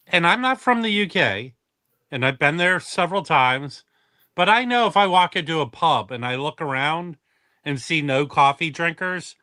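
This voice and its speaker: A man's voice: fairly high pitch, pushed and bright, no room sound, studio quality. A man co-hosting a casual livestream chat who keeps cutting in to tease the others. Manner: teasing, interrupts to needle the others. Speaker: co-host.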